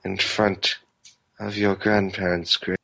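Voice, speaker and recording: A man performs a sinister, unearthly villain from a comic talk show. The voice is husky and unhurried, with a creepy disembodied menace and gleeful relish in every ominous word. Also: deep voice, level tone, sharp tone, full character voice, rough recording. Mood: menacing. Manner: slow, ominous threats.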